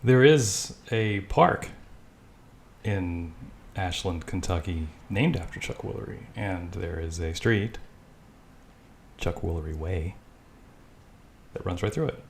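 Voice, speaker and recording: Low gravelly guy from staten island doing snarky voice-over on an old talk show clip, chuckles a lot. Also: lively intonation, takes it slowly, long pauses, slight background noise. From Staten Island, New York. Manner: sarcastic, chuckling asides with profanity. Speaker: video commentator. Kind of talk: voice-over commentary on an archival clip.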